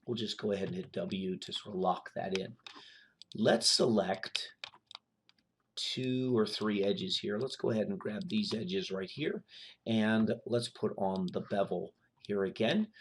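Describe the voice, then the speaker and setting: Low-voiced man narrating a software tutorial. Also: unhurried, slight background noise. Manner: relaxed, many "um"s, talks while demonstrating. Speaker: instructor.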